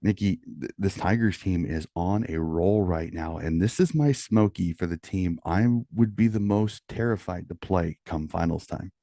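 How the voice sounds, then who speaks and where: A middle-aged man with a deep voice hosts a sports round-up, keeping it quiet as if others are asleep at night. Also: moderate pace, hardly any pauses, no echo, studio quality. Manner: hushed, quieter than normal late-night-radio delivery so as not to wake someone. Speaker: sports podcast host. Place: small room at home. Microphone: close studio mic with pop filter.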